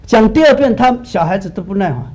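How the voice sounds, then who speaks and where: A middle-aged male pastor preaching a sermon, telling lively stories and acting out the dialogues. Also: high voice, quick pace.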